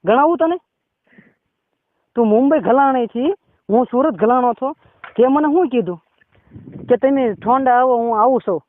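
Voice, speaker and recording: A man's voice: sits high, no echo. A man presses his point on a phone call, pushy and insistent. The sound is tinny and narrow like a phone line, and completely dry. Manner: pushy, insistent, repeats "બરોબર?". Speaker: caller.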